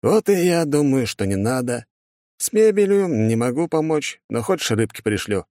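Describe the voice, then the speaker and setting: A man doing a calm, offhand young nobleman. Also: mid-range voice, normal speed, no echo, studio quality, voice pushed up, lightly acted. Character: easygoing young nobleman friend, calm, laconic.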